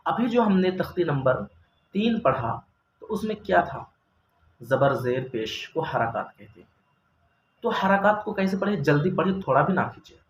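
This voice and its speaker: A male Quran-reading teacher with a slightly high voice and wide pitch swings speaks at a moderate pace in a step-by-step recorded lesson. Patient and methodical, he asks questions, answers them, and drawls out example sounds. The lo-fi recording has a roomy echo and faint hiss or ambient noise.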